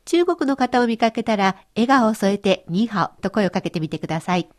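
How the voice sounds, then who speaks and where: A woman's voice: medium pitch, fairly quick. A woman presenting a radio language lesson, explaining cheerfully. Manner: cheerful explaining, lively intonation. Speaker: language teacher.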